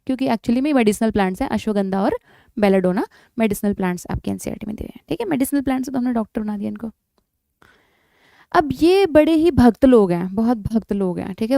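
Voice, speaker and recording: A woman teaching a biology revision lesson with an emphatic, coaxing delivery. Her voice is smooth and resonant, with a gravelly edge of fry at phrase ends. The sound is dry and close, with no room around it. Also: medium pitch, warm tone, no room sound. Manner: emphatic, coaxing, calls students "beta". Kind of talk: exam revision lecture.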